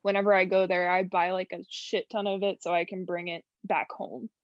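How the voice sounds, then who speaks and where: A woman's voice: lowish voice, level tone, moderate pace, no room sound. A young woman with a New York accent in casual chat, blunt and chatty with lots of fillers. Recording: dull lo-fi sound.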